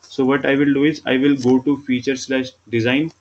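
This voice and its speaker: A man with an Indian accent giving a step-by-step software tutorial as an instructor, explaining simply and repeating key points. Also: mid-range voice, flat delivery, normal speed. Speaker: programming instructor. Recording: dull lo-fi mic with background noise.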